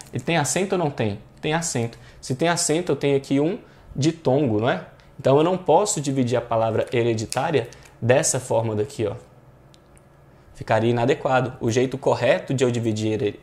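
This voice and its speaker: Male Brazilian teacher with a mid pitch, walking students through grammar questions in a didactic, question-and-answer way. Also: a little mellow. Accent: Brazilian Portuguese. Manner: didactic, checks in with frequent rhetorical questions. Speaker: online exam-prep teacher. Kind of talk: explaining grammar exercises.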